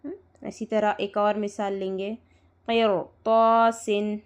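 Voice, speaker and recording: A woman teaching Quran recitation rules to students, patiently repeating points, spelling out letters slowly and checking often that they follow. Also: a little high. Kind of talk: live tajweed lesson to students.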